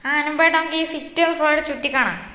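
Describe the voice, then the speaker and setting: A woman's voice: sits high, rapid-fire, pushed and bright. A woman voicing an easygoing adult man, showing off his city in a game role-play with a boastful, teasing big-brother tone. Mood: casual. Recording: echoey roomy reverb.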